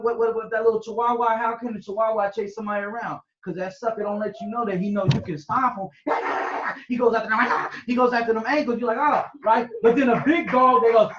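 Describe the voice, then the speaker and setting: Brief: male Bible teacher, chatty and conversational, dull echoey room recording. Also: very high-pitched. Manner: conversational, repeats "you know what I'm saying" and "right?"; acts out quoted reactions with sudden loud cries. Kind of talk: casual scripture teaching to a group.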